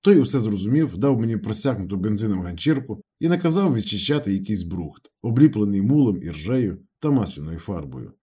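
A man narrating a novel in the first person as an audiobook reader, with steady storytelling. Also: fairly low pitch, a little fast, few pauses, husky.

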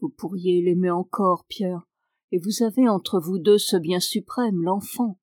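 A woman reading the part of a calm, authoritative man who speaks softly and with pity, in an audiobook. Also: lowish voice, dry recording, clean studio sound. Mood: gentle. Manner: soft, measured, compassionate.

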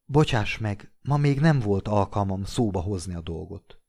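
A man's voice: medium pitch, animated, a little mellow, voice pushed up, natural voice. A man voicing a lovesick doting woman. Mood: meek. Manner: pleading, gushing. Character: doting middle-aged woman, lovesick and meek.

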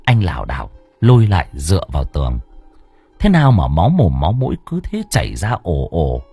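A male storyteller, reading a ghost tale with dramatic, wildly swooping intonation. His voice is low and husky. The sound is dry and close. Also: a little fast, dry recording, soft background music. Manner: expressive, dramatic. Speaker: audiobook narrator.

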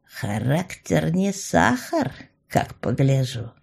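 A woman voicing a blunt, domineering old female goblin matriarch who talks slowly and curtly, with a grumbling edge. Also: low-pitched, sing-song, gravelly, a little mellow, breathy edge, full character voice. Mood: gruff. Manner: slow, curt, grumbling.

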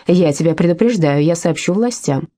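Woman reading as a shrill, bossy older landlady. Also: lively intonation, normal speed, soft background music. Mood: angry, bossy. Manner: shrill, shouting.

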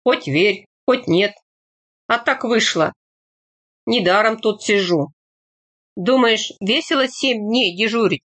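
A woman's voice: fairly high pitch, slow, long pauses, a bit bright. A woman voicing an earnest, plainspoken young village man in a read-aloud story, without much change to her own voice.

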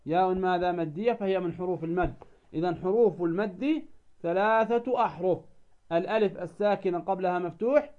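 A man teaching recitation rules who poses questions and then answers them, now and then chanting verses slowly. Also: high-pitched, darkish tone, highs cut off. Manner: asks the listener a question, then answers it himself. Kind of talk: tajweed lesson.

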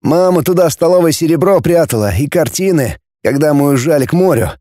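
A man voicing a gangly, nervous teenage boy who talks in a fussy, hurried way. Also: a little high, lively intonation, dark tone, no room sound, studio quality, pitched above the performer's own voice, natural voice.

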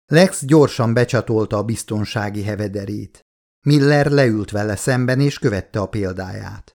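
A man reading a novel aloud as an audiobook narrator, in steady, measured storytelling. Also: on the low side.

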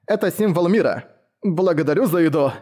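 A man's voice: on the high side, brisk, dark tone, slightly rough, voice pushed up. A man voicing a remorseful young man, the meek younger brother, speaking emotionally.

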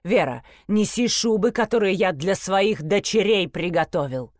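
A woman voicing a greedy, fawning male fur dealer in an audiobook, stretching out his sales patter slowly. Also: medium pitch, animated, darkish tone, no echo, clean studio sound, natural voice. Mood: wheedling.

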